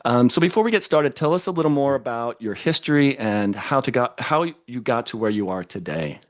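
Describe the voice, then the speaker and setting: Male podcast host, medium pitch, polished scripted read. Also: expressive, brisk. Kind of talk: scripted guest introduction.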